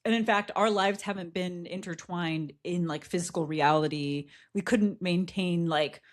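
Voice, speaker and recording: Femme à la voix grave, récit intime. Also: female voice, fairly low pitch, moderate pace. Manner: reflective, candid, laughs often, many "like" fillers. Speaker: podcast co-host. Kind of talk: casual chat, personal storytelling.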